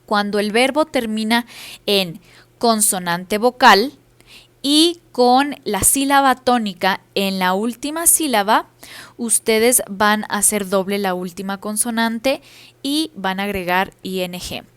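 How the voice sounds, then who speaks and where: Slow, careful woman teacher. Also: mid-range voice, clear, resonant tone. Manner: explains each rule in English then repeats it in Spanish, with fillers. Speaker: English teacher. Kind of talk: bilingual grammar lesson over slides.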